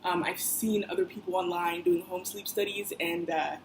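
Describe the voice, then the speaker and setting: A woman's voice: lowish voice, fairly even intonation, moderate pace. A young woman vlogging in a chatty, rambling way, full of fillers and side remarks. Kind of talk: casual personal vlog. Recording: faint background noise.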